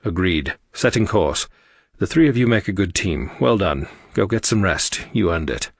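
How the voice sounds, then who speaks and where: A man voicing a calm male starship captain in an audiobook, giving brief praise and orders. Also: deep voice, moderate pace, vocal fry, dry recording, clean studio sound, exaggerated voice. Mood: approving.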